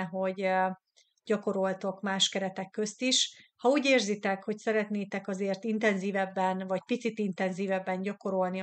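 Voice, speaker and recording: A Hungarian woman teaching English in a live online lesson. She says English words slowly twice, then gives their meaning in Hungarian, and chats in an encouraging way with her viewers. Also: medium pitch. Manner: chatty and encouraging toward viewers.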